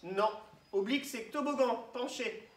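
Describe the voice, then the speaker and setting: A man teaching young children, asking questions and spelling words out slowly syllable by syllable. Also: very high-pitched, recorded from a distance. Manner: questioning, prompting pupils to answer. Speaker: primary school teacher. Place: classroom. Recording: roomy echo, voice from the mic.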